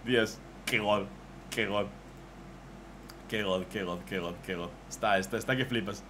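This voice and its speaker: Man, streamer, excitable, swears a lot, gushing. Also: fairly low pitch, a little slow, a little hiss or hum. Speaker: streamer reacting to fan drawings. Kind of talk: casual live commentary.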